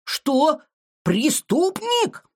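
A tiny bespectacled mole, as the storyteller puts him on, normally gentle but now in a fury over his tunnel. He shrieks his words high above the narration and stretches them out slowly. A storybook voice full of swooping, lively pitch. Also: exaggerated voice. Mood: angry. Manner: shrill, slow, shouting. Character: small kind mole in glasses, furious digger. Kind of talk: children's audiobook character voice.

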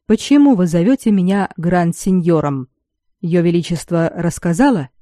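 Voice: mid-range voice, moderate pace, warm tone, dry recording, clean studio sound, close to an everyday voice. A reader voicing a proud young male lord who speaks coldly and heavily in an audiobook. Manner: cold, clipped, heavy delivery. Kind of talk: audiobook character reading.

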